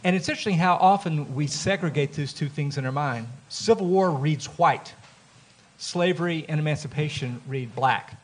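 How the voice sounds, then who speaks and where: At a festival event room, a Southern US-accented man, an author, gives an earnest, explanatory panel talk during a live event. He speaks at a moderate pace in a fairly high-pitched voice.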